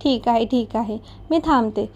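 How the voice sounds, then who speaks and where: A woman's voice: a little high, moderate pace, a little mellow, lo-fi sound, close to an everyday voice. A woman voicing a playful, caring young female friend who teases yet reassures. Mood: teasing.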